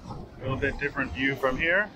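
A man's voice: medium pitch, fairly quick, noisy background. A man in his forties chatting casually as a travel vlogger, filming outdoors at a beach and in a car. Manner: chatty, joking tour-guide talk.

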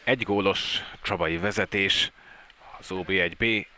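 A man doing live water polo commentary as a sports commentator, with an excited delivery that rises at key plays. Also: low voice, heavy background noise.

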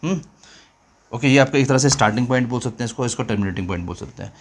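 A chatty male physics teacher explains a basic lesson in casual Hindi mixed with English phrases. He repeats his points and keeps asking the class if they follow. His voice sits at an ordinary middle pitch. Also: animated, very fast. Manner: chatty, repeats himself, mixes English phrases, calls viewers children.

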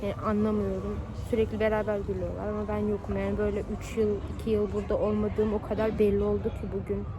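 A young woman vlogging on her phone outdoors and in a cafe, chatting casually and swinging between giddy teasing and low grumbling complaints. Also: little pitch movement, fast, few pauses, noisy background. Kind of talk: casual vlog chat. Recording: loud background music. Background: music playing.

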